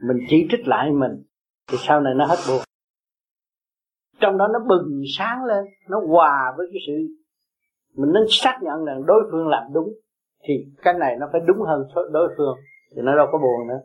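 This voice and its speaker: A man's voice: fairly high pitch, lively intonation, normal speed, breathy edge, muffled recording. A man giving a blunt, emphatic Buddhist talk to his followers, coaxing and scolding them by turns. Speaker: Buddhist teacher.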